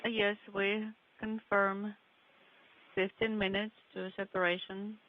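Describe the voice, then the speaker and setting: A woman's voice: medium pitch, little pitch movement, slow. A woman interpreting radio calls in clipped, procedural phrasing, heard over a narrow comms line that keeps breaking up. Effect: narrow, noisy comms line breaking up. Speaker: interpreter on a space mission audio loop. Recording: tinny, hissy comms loop.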